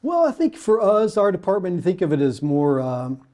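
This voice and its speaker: Middle-aged man, from Kentucky, warm mellow tone, halting speech with lots of uh's, interview guest. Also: sits high, big pitch swings. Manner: hesitant, many fillers and restarts. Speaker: landscape architect guest. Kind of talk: casual interview chat.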